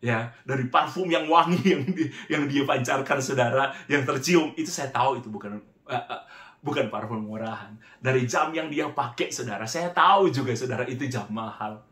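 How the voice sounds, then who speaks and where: Male pastor, middle pitch, lively sermon storyteller who keeps addressing the congregation, roomy echo. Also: moderate pace. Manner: lively storyteller, repeatedly addresses listeners as "brothers". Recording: echoey room.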